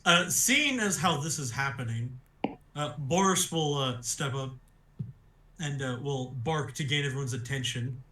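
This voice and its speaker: A man's voice: medium pitch, animated, measured pace, bright, forceful tone, recorded from a distance. A man chatting and narrating his moves as a player in a tabletop role-playing game. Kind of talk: casual game chat and narration. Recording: roomy echo.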